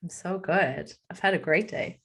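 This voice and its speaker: A woman's voice: fairly low pitch, moderate pace, slight background noise. A woman in her forties with a Dublin Irish accent, chatting openly as a podcast guest with plenty of ums and likes. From Ireland. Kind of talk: casual interview chat.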